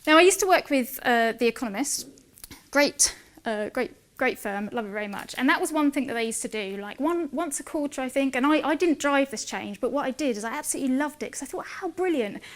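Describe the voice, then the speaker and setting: A woman in her forties giving a lively conference talk, chatty and self-mocking, acting out dialogue in her stories. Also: high-pitched, fairly quick. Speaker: conference speaker.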